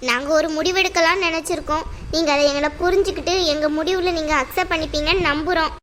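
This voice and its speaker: A woman voicing a worried, soft-spoken mother in a cartoon, pleading quietly. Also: extremely high pitch, steady tone, quick pace, a little hiss or hum, voice pushed down. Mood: subdued. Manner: subdued, pleading.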